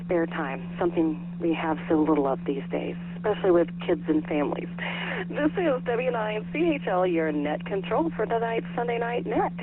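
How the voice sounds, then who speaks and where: A woman's voice: fairly low pitch, expressive, moderate pace. A woman hosting an amateur radio net as net control, chatting informally over a two-way radio. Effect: two-way radio transmission. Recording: tinny narrow radio link with faint hum.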